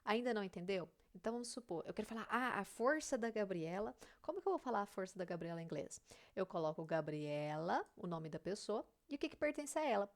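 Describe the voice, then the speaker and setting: A woman's voice: medium pitch, expressive, fast talker. A woman with a Brazilian Portuguese accent, an English teacher explaining a reading lesson and checking in often with her viewers.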